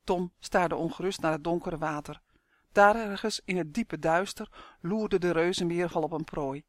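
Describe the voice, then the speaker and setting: Brief: calm storybook narrator, mid pitch, even and measured, dry close recording. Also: no echo. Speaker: audiobook narrator. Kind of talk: scripted audiobook narration.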